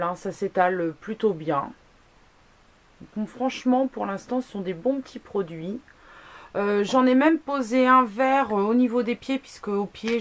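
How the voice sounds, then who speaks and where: A woman vlogging a casual product review, chatty, with many fillers, asides and self-mocking jokes. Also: medium pitch. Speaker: beauty blogger.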